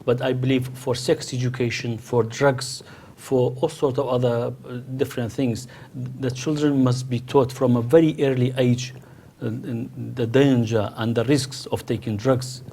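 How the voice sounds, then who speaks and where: A man's voice: medium pitch, fairly even intonation, normal speed, dark tone, a little hiss or hum. A middle-aged man from the Kurdish region of Iraq, speaking as a panel guest in a hesitant way, with many restarts and fillers. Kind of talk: panel discussion.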